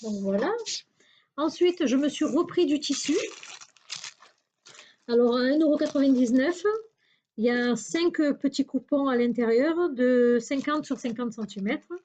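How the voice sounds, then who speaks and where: A woman's voice: sits high, unhurried, pauses often, dark tone, slight background noise. A woman chatting through a shopping haul video, hesitant and searching for words with many fillers. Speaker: YouTuber showing a shopping haul. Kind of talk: casual haul video chat.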